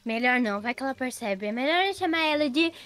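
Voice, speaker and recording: A woman's voice: sits high, lively intonation, quick pace, a bit bright. A woman voicing an anxious, lazy young housemaid who pleads not to be fired. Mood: panicky. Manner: frantic pleading, fretful self-talk. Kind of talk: Roblox role-play voicing.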